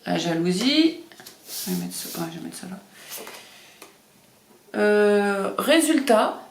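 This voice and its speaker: A woman's voice: mid-range voice, lively intonation, takes it slowly, vocal fry, slight background noise. A woman doing a casual card reading, talking hesitantly with many fillers and repeating the card words. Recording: echoey room.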